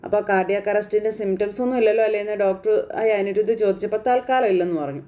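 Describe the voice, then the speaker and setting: A woman narrating a soap episode recap at a rapid clip, her voice mellow and soft-edged. She talks in a loose, chatty way and keeps linking events with little fillers. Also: mid-range voice. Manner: chatty, colloquial, strings events with frequent fillers. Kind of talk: casual retelling of a TV serial episode.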